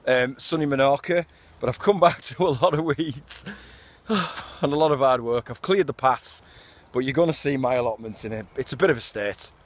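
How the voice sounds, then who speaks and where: A man's voice: mid-range voice, moderate pace. A middle-aged man talks his way around his garden plot in a loose, chatty style, dropping the odd mild swear word. He sounds a bit out of breath from the hard work. It is recorded outdoors on a phone. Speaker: allotment vlogger. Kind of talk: casual garden tour vlog. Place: outdoor allotment.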